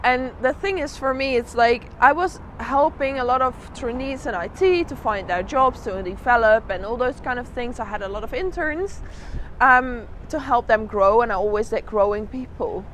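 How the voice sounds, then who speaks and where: A woman's voice: fairly high pitch, moderate pace, fairly bright tone. A woman giving a candid, reflective interview as a drag artist, telling her story with emphatic repeated phrases. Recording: noisy outdoor urban spot with traffic.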